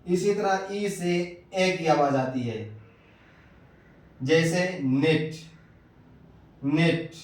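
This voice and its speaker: A man giving a step-by-step English lesson, sounding out example words slowly and deliberately. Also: fairly high pitch, animated, recorded from a distance. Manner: slow and deliberate, drawing out example words one by one. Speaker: English teacher. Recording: very echoey room, a little off-mic.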